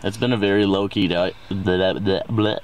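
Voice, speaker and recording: A man's voice: low-pitched, steady tone, normal speed, a little hiss or hum, poor audio. A young man chatting casually to the camera in a vlog, rambling and self-deprecating. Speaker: vlogger host.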